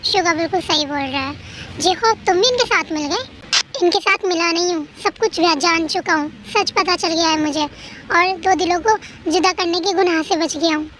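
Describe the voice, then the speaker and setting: Very high-pitched storyteller acting every role. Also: moderate pace, noisy background. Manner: acts out each character's dialogue with pleading emotion. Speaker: storyteller voicing every character. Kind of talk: dramatic fan-fiction reading.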